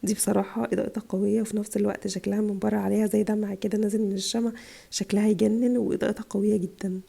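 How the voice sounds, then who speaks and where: A woman's voice: medium pitch, little pitch movement, very fast, creaky, mellow, husky. A woman with an Egyptian Arabic accent, chatting casually and gushing as she shows her shopping haul, her voice tired from a chest cold. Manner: chatty, gushing over items. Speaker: vlogger, mother. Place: home in Italy.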